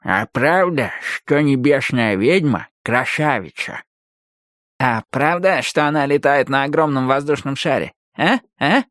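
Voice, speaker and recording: A man's voice: medium pitch, expressive, a little slow, a bit bright, dry recording. A curious young ghost who keeps pestering the others with questions, sounding close to the narrator's own voice, as a male reader puts him on. The recording is dry and close.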